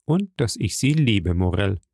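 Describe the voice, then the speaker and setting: A man doing a soft-spoken, deep-voiced count. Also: sing-song, vocal fry, no room sound, clean studio sound, exaggerated voice. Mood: gentle. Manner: soft, measured, gently smiling. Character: calm, powerful middle-aged count, gentle and mysterious.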